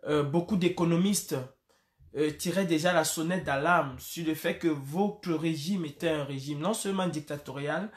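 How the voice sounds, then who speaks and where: Impassioned man, echoey room. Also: a little high. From Cameroon. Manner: impassioned, emphatic, with frequent hesitations. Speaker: political commentator. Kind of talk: direct-to-camera address. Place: indoor room against a plain wall.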